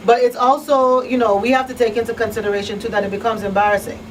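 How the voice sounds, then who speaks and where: Speaking fast in a voice that's a little high and fairly even in intonation, a woman hosts a radio talk show and works as a crisis counselor. She keeps it conversational and emphatic, driving points home by repeating phrases. The recording comes from a noisy studio with a slightly distant mic.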